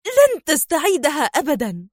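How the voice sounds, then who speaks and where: A woman's voice: fairly high pitch, very animated, normal speed, darkish tone, dry recording, studio quality. A woman playing a mocking, defiant female spy. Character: defiant, scheming female enemy agent. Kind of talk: audiobook character voice.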